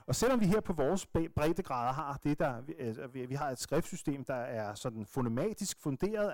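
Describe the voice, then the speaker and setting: A middle-aged man lecturing in a slightly raised voice, pausing often with fillers as he works through his points. The sound is close and dry, with no room around it. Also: fairly high pitch, darkish tone, no room sound. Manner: hesitant, many fillers, thinks aloud. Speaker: lecturer in language history. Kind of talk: academic lecture.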